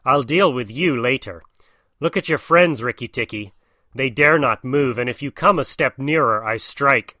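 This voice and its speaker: A man's voice: mid-range voice, normal speed, sharp tone, no echo, clean studio sound, close to an everyday voice. A man voicing a cold, vengeful female cobra who hisses her threats in a storybook reading. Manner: hissing, threatening.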